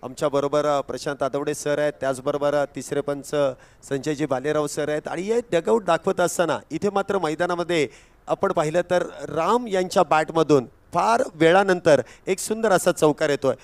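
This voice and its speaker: A man giving live commentary on a local tennis-ball cricket match, with a Marathi accent, rising in excitement on each wicket and run. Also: a little high, moderate pace. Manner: excitable rises on wickets and runs.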